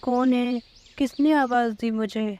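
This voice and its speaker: A woman's voice: fairly high pitch, steady tone, darkish tone, natural voice. A woman voicing a female bird who pleads with her friend and later forgives her. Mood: scared.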